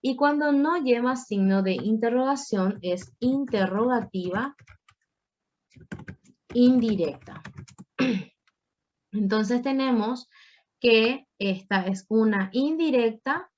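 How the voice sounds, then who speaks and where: Slow-paced woman teacher, muffled call audio. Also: fairly high pitch, darkish tone, a little hiss or hum. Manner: slow, patient explaining with playful asides. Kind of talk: online grammar lesson.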